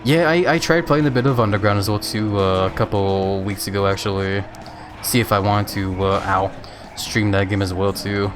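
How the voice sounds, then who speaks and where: Chill guy streaming a racing game, kinda low voice, laughs a lot, easygoing chat. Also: normal speed, music in the background. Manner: laid-back, chatty, laughs often. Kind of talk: casual live-stream chat while gaming.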